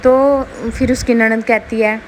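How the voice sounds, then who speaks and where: A woman's voice: on the high side, little pitch movement, measured pace, a little hiss or hum, low-quality recording. A woman host telling a family drama story in a casual, chatty way. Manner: chatty, plain, with restarts.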